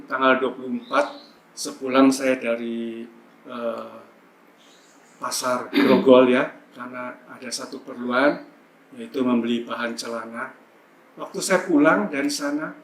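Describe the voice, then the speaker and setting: A man casually telling a personal testimony at a church service, rambling with many fillers. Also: mid-range voice. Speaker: church member giving a testimony. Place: church hall. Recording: echoey church hall, faint hum.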